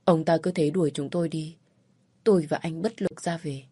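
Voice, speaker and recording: Husky, dark-voiced woman narrating a sad story. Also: deep voice, fairly even intonation. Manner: slow, sorrowful reading. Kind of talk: scripted first-person story narration. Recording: dry close voice over faint music.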